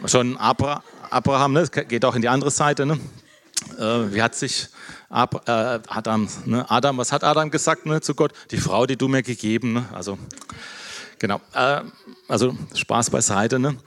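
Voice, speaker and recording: A man preaching in a relaxed, conversational sermon. He keeps checking in with his listeners with a quick "ne?". His delivery is thoughtful and low-key, with frequent fillers and self-corrections. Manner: conversational, tags nearly every phrase with "ne?", many fillers and restarts; calls himself introverted, talks in a thoughtful, low-key way. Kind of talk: informal sermon.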